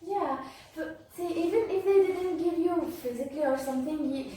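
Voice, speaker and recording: A young woman with a Syrian Levantine Arabic accent speaks in a notably high, soft-toned voice. She answers casually as an interview guest, pausing to find words. The recording is very echoey and distant, with faint noise. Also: fairly even intonation. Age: young adult.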